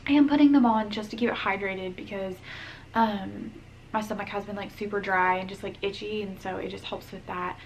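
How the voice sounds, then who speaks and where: A woman's voice: mid-range voice, vocal fry. A young woman talks straight to camera in a loose, rambling vlog update, leaning on ums and likes as she goes. She sounds a little out of breath, and a faint hiss of background noise sits under her voice. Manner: chatty, many ums and likes. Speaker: vlogger. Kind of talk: casual pregnancy update vlog.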